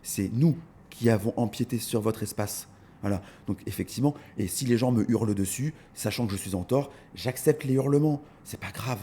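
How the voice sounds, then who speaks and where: A man speaking casually in an interview, an animated storyteller who acts out scenes and often repeats words as he starts a thought. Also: lowish voice, normal speed, slight background noise. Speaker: dog content creator, guest.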